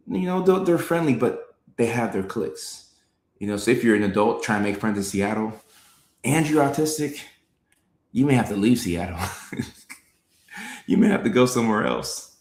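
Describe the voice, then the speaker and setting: With a fairly low pitch and a reverberant sound, a Norway-raised host explains things in casual talk and reads out chat comments. He is animated, acts out quoted voices, repeats phrases and asks "right?" to check in with his listeners.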